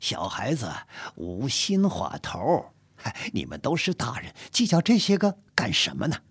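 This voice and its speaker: A man voicing an old man calming a quarrel in a slow, placating way. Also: mid-range voice, slightly rough, dry recording, voice pushed up, heavily acted. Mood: soothing. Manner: placating, drawn-out.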